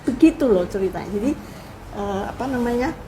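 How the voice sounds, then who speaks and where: An older woman recalls her family's past as an interview guest, in a higher voice than most women. She talks casually and with energy, and slips into the voices of the people she quotes. A faint hiss sits under her voice. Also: fairly quick, poor audio. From Indonesia. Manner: animated storyteller who acts out quoted people. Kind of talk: casual spoken reminiscence.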